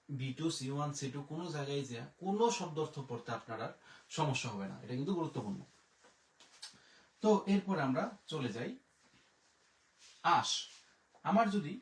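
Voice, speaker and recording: Man teaching French, patiently spelling words. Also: fairly high pitch. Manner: spells out words letter by letter, repeats slowly. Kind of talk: live online language lesson. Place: room, writing on a board away from the mic. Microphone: distant. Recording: roomy echo, voice from far off.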